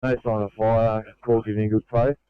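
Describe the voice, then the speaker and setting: A man's voice: on the low side, little pitch movement, a little fast, clean tone, no echo. A man, an emergency field responder, making clipped two-way radio calls with frequent "uh" fillers, heard over a walkie-talkie. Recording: dull lo-fi radio audio.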